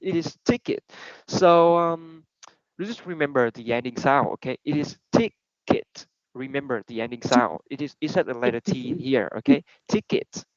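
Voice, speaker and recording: A man's voice: medium pitch, expressive, normal speed, vocal fry. A man teaching English pronunciation to a class, switching between Vietnamese and English with many fillers. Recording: dull lo-fi recording.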